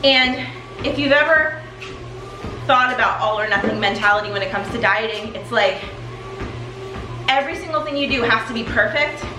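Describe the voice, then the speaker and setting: A woman in her thirties giving a motivational chat as a weight loss coach while walking in place for exercise, recorded indoors. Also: on the high side. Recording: echoey room with music underneath. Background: music.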